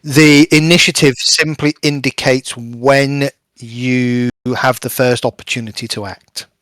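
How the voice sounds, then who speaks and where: Man, game master, mid-pitched voice, hesitant, thinking aloud, close dry recording. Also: fairly even intonation, measured pace, a bit bright, no room sound. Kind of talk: narrating a tabletop game.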